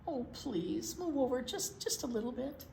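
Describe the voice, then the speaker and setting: A woman's voice: high-pitched, lively intonation, normal speed, creaky, mellow. A woman voicing a tired little brown sparrow, weary and pleading, read aloud in a storybook. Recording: echoey room, faint room noise.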